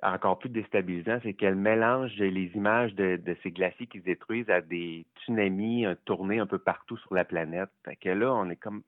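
A man with a Québécois accent reviewing documentaries in casual podcast chat, enthusiastic and halting with many fillers. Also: low voice, no room sound. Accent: Québécois French. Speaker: film critic guest. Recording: tinny phone-like line, dry.

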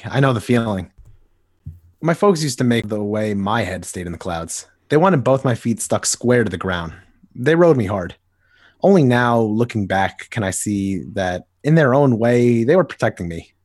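Voicing a nostalgic adult superhero, this podcast co-host reads an earnest, wistful inner monologue in the first person as part of an amateur comic dramatic reading. The recording is studio quality with no echo, and his voice sits lowish.

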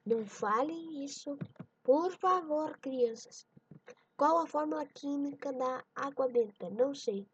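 High-voiced woman reading jokes, distant lo-fi. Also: slow pace, no room sound. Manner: laughs at own jokes, stumbles over words. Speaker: joke reader.

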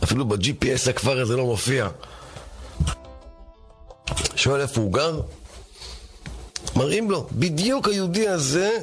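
A man's voice: medium pitch, pauses often, faint music behind. A man telling a folk tale aloud, acting out voices. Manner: acts out voices, lively. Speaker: storyteller. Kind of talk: animated oral storytelling.

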